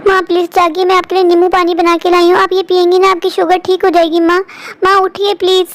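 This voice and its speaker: A woman's voice: extremely high pitch, completely flat delivery, fast. A woman voicing a meek, dutiful young wife in a cartoon story, pleading and submissive. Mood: anxious. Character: meek young daughter-in-law, weary and dutiful.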